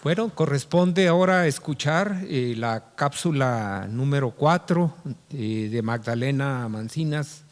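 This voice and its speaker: A man moderating an event, introducing the next segment in an unhurried way. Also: medium pitch, long reverb tail. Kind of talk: formal introduction.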